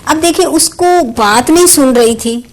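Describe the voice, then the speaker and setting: A woman hosting a relaxed talk show, telling stories from family life and mixing English words into her speech. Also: high voice, noisy background. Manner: storytelling, mixes English words into Urdu. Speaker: host. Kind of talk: casual chat.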